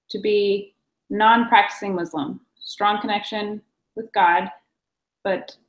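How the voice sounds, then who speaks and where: Female panelist, thoughtful and searching, heard in a reverberant room. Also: mid-range voice. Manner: reflective, searching for words. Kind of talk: panel discussion.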